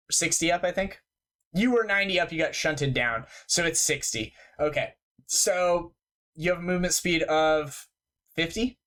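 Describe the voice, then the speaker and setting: A man running a tabletop game as game master, with quick, chatty rules explanations. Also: a little high, pushed and bright.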